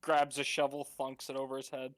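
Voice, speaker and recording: A man's voice: mid-range voice, monotone, a little fast, no echo. A man playing a tabletop game, blunt and sarcastic in tone. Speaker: player. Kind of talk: casual tabletop game chat.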